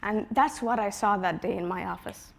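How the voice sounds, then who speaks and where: Young woman in her twenties from Afghanistan, mid-pitched, earnest storyteller whose phrases fade at the ends. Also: normal speed, vocal fry. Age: 20s. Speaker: conference speaker. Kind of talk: prepared personal talk.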